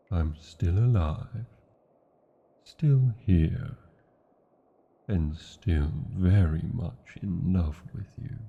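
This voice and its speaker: A British man plays a tender, brooding dragon lover in a romantic fantasy ASMR roleplay, speaking formally with old-fashioned endearments. He uses a full character voice that is deep, gravelly and husky, and the recording sounds muffled and narrow, like a phone.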